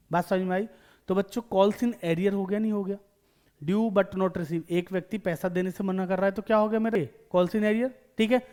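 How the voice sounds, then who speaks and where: A man teaching accountancy in a lecture, explaining each step and asking and answering his own questions to the students. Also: high voice. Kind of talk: classroom lecture.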